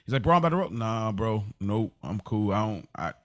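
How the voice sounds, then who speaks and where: Hosting a laid-back podcast conversation, an American man spins animated stories, voicing quotes and hammering phrases through repetition. He talks briskly in a lowish register, captured in a dry, lo-fi recording.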